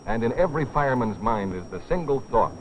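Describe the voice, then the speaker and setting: A man's medium-pitched voice, lively in intonation and fast, tells a safety training film's dramatic scripted story with theatrical gravity and urgency. The recording is a dull, vintage film soundtrack carrying music.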